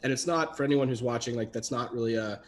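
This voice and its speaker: A man's voice: mid-range voice, quick pace, a little hiss or hum. A young man, a guest on a livestream, talking casually about his voice work, with lots of fillers and restarts. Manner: chatty, rambling with many fillers. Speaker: guest, voice actor and animator.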